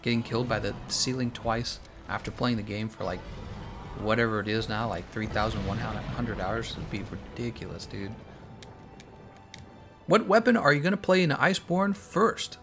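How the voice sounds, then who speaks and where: A man's voice: fairly low pitch, moderate pace, over music. A man giving casual, slangy, exclamatory livestream commentary on a game while chatting with his viewers. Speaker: game streamer.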